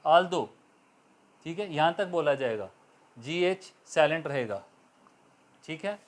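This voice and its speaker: A man with a Pakistani accent teaches an English lesson, moving through it at an unhurried pace. His voice sits a little high for a man. He breaks words down letter by letter and keeps checking with his listeners as he goes. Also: animated. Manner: explains step by step, spells words letter by letter, often checks with "okay". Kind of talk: spoken lesson.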